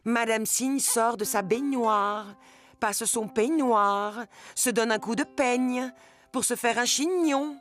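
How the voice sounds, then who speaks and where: A woman playing a cheeky, sharp-tongued female puppet sidekick in a children's educational show, firing off quick retorts. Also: high voice. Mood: sassy.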